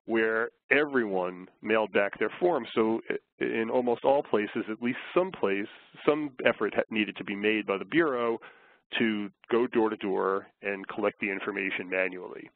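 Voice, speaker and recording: A man recovering from the flu gives a webinar presentation, his voice slightly hoarse and on the low side. He explains things in a measured way but uses frequent fillers. The audio has no echo but sounds like a tinny phone line.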